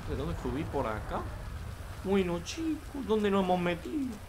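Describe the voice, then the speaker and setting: A man's voice: sits high, huge pitch swings, normal speed, noisy background. A young man, joking crudely and chatting casually as he plays a racing game. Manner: joking, crude, talks to himself and viewers. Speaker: gaming youtuber. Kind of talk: casual gameplay commentary.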